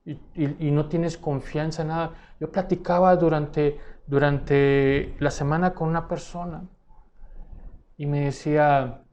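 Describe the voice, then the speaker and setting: A man's voice: on the high side, steady tone, a little slow, a little mellow, lo-fi sound. A man preaching a sermon as pastor, earnest and often repeating words as he searches for his phrasing.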